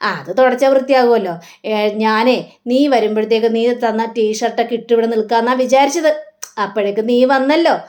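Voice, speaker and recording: An excitable young husband played by a woman exclaims and scolds his wife. The voice stays high. He is heard in a soap-serial retelling. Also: a little fast, natural voice. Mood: excited.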